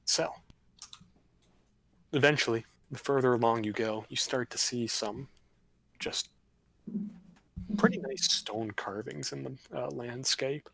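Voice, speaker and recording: A man's voice: mid-range voice, steady tone, takes it slowly, creaky, long pauses, fairly bright tone, rough recording. A man narrating a tabletop game as game master on a livestream, in a loose, rambling style. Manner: casual, rambling narration with fillers.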